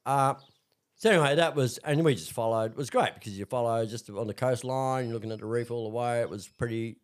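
A man's voice: mid-range voice, a little fast. A man with an Australian accent, a guest telling stories in a casual, rambling chat full of fillers and restarts. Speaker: interview guest. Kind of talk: casual storytelling.

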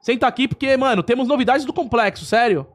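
A man, co-hosting a podcast and joking around in quick banter. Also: extremely high pitch. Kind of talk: casual chat.

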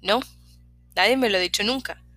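A woman voicing a quiet teenage boy who answers in short, hesitant phrases. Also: medium pitch, moderate pace, no room sound, faint music behind. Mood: shy. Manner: terse, hesitant replies. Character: shy quiet teenage boy, few words.

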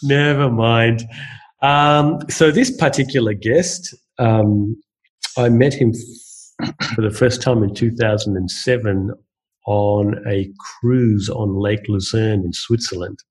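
Over poor audio, a podcast host with a lowish, slightly rough voice introduces his guest slowly and in a steady tone. The casual chat is loose and hesitant, full of fillers and restarts.

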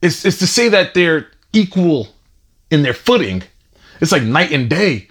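A man's voice: on the high side, sing-song, unhurried, a bit bright, slightly rough. A man chatting casually and reflectively, thinking aloud in an informal, slangy way.

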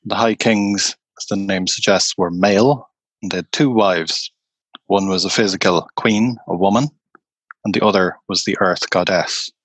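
A man, a tour guide, telling stories slowly and unhurriedly in an interview. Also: low voice, breathy edge, dry recording. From Ireland. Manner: slow, unhurried anecdotal telling. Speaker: tour guide and storyteller guest. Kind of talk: conversational storytelling interview.

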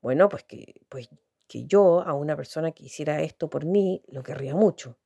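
Female reader doing a blunt lonely young woman, low mellow voice, candid and halting, storybook reading. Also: vocal fry, husky, no echo, exaggerated voice. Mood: wistful. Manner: candid, musing, hesitant restarts.

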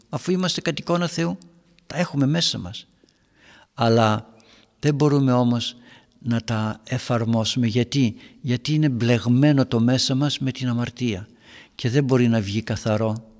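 A man, a priest, giving an earnest homily to young parents, asking and answering his own questions. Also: medium pitch. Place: church. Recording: reverberant church hall.

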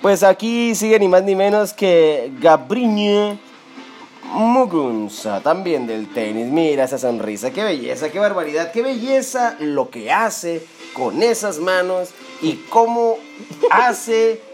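A man's voice: high-pitched, big pitch swings, takes it slowly, darkish tone, faint music behind. A man with a Mexican Spanish accent, co-hosting a casual comedic chat in a playful, mock-formal way. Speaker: co-host.

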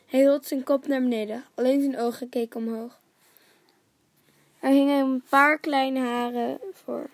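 Female storyteller for a children's book: calm, even, gravelly, dry close sound. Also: high voice, unhurried, no echo. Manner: calm and steady, dropping to a near whisper at times, with small reading slips. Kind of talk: reading a children's story aloud.

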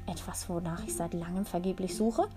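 A woman voicing a pompous, irritable old male sorcerer who speaks loudly and haughtily. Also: fairly low pitch, fairly even intonation, music in the background, lightly acted. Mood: scheming. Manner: loud, haughty and quick to anger.

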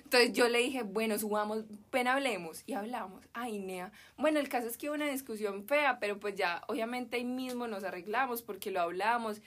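Her voice a little high and a little fast, a young woman from Medellín, Colombia, barely pauses as she shares an emotional, slang-heavy story. She is a guest on a podcast, chatting casually.

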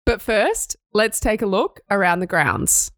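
A young Australian woman co-hosts a sports news podcast, reading news items and then chatting in an upbeat manner. Her mid-range voice is sing-song and measured, recorded at studio quality with no echo.

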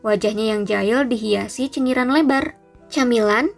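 A woman narrating a storybook audiobook in a steady, even reading voice. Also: a little high, brisk, soft background music. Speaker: audiobook reader.

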